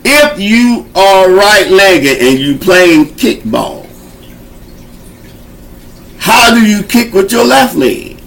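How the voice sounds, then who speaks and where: Preaching folksily on his show, a man teaches an informal sermon conversationally, spurring listeners on with call-and-response. His voice sits high and swings widely in pitch, slow, gravelly and a bit bright, with frequent pauses, captured on a rough recording.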